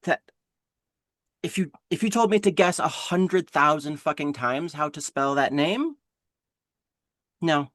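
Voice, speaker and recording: A woman's voice: low voice, animated, a little slow, long pauses, dry recording, studio quality. A woman co-hosting a book podcast in casual chat, wry and blunt, swearing casually. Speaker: podcast co-host.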